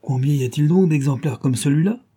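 Man doing an insolent servant, higher pitch, loud, mocking, husky. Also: fairly quick. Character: insolent startled male servant.

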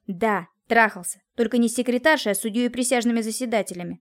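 A woman's voice: medium pitch, quick pace, a little mellow, lightly acted. A woman reading the part of an irritated male lawyer, cold, rude and dismissive. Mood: curt. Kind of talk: audiobook character reading.

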